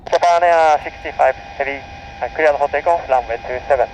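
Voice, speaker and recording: A man's voice: a little high, brisk. Man's pilot radio call over a scanner, noisy. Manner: terse, procedural phrasing. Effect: pilot's cockpit radio call heard over a scanner. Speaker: airline pilot. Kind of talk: clipped radio readback. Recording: noisy distant radio transmission.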